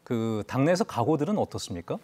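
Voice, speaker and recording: A man's voice: mid-range voice, sing-song, fast, darkish tone. A man with a Jeju accent hosting a regional current-affairs interview, asking questions in a polite, formal manner. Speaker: host.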